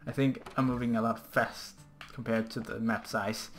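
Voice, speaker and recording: A man's voice: mid-range voice, level tone, a bit bright, soft background music. A man casually commenting while playing a video game, chatty and self-amused. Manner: chatty, quick remarks, laughs at himself. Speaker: let's play host.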